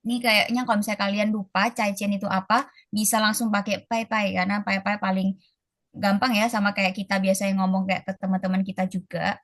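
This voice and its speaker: A woman tutoring an online class, chatting casually and stretching out model phrases slowly. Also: medium pitch, level tone, dry recording, clean studio sound. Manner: slow, drawn-out model pronunciations; casual, chatty teaching, calls students guys. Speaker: Mandarin tutor. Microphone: video call.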